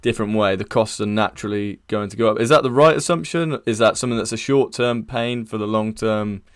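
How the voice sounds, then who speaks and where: A man hosts a podcast, talking in a lowish voice with long, rambling questions and light teasing. The recording is dry and close, with no room sound. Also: a little fast, no room sound. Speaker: podcast host. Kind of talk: casual podcast interview.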